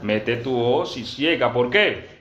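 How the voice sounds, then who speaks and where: An expressive pastor gives sermon teaching at a church gathering, with crowd noise audible. He reads scripture slowly and emphatically and often asks the congregation questions, and the audio is roomy, dull, and low-fi.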